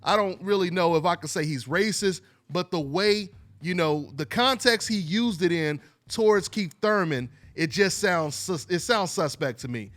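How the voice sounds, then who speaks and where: A man's voice: high voice, normal speed, few pauses, a bit bright. A man hosting a call-in boxing show, talking loosely and rambling with many "you know, man" fillers. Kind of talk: casual call-in radio talk.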